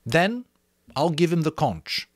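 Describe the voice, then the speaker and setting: Giving an amateur dramatic reading of a novel, a man pushes his voice up into a sing-song, fairly high register to play an earnest fair-haired boy chairing a meeting as leader. His slow, emphatic declarations sound earnest and assertive, recorded in studio quality with no room sound.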